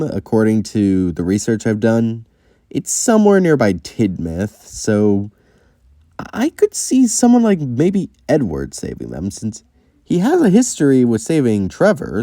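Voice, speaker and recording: A man's voice: fairly low pitch, mellow, dry recording, studio quality. A man giving casual fan commentary, thinking aloud and speculating with fillers and small restarts. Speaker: fan video creator.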